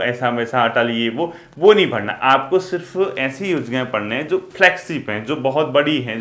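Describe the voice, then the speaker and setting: A man's voice: medium pitch, sharp tone. A young man teaching an exam-prep lesson casually, repeating key points with emphasis and mixing in English terms.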